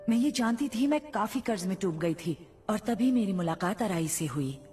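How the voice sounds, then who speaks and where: A woman's voice: mid-range voice, animated, normal speed, mellow, faint music behind, close to an everyday voice. A woman voicing a confident stage actress in an anime film dub, with a composed, assured way of telling her story. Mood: reflective.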